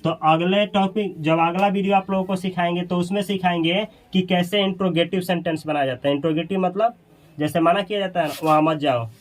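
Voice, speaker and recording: Hindi-accented guy teaching a class, kinda high voice, keeps checking if they got it. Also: fairly even intonation. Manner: asks the class questions often; drawn-out slow examples. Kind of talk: classroom lesson.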